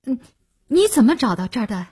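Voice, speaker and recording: A woman's voice: on the high side, sing-song, a little fast, darkish tone, slightly rough, no room sound, clean studio sound, heavily acted. A woman voicing a tired young woman who keeps her anger in check. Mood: subdued. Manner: weary, holding back anger.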